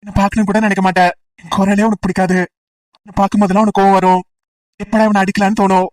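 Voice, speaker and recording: A woman's voice: medium pitch, little pitch movement, racing, a little mellow, distant mic, natural voice, low-quality recording. A woman voicing a teasing, persistent young male college student in an amateur audio drama, talking in a playful, coaxing way.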